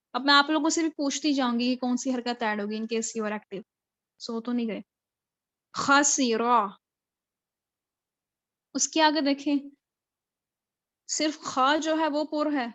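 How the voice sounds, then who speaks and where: High-voiced woman teaching recitation online. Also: fairly bright tone. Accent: Pakistani. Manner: patient, drills syllables slowly and repeats them. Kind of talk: online class lesson. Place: home room on a video call. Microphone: video call mic. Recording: dull lo-fi video call audio.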